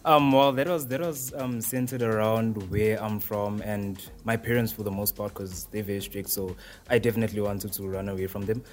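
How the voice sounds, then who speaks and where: A man's voice: on the low side, steady tone, moderate pace, soft background music. A young man from Johannesburg answering interview questions, hesitant and rambling with restarts. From Johannesburg, South Africa. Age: young adult. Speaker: interviewee, student radio presenter.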